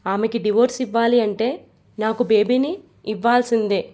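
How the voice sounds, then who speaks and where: A woman's voice: on the high side, steady tone, normal speed, warm tone. A woman voicing a stubborn, hot-tempered young husband who firmly insists on his demands in a storybook reading. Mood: insistent. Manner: insistent, firm.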